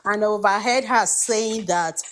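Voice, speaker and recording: A woman's voice: medium pitch, unhurried, fairly bright tone, slight background noise. A woman joining a live stream to chat, hesitating with fillers and laughing as she talks. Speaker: audience member. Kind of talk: casual chat.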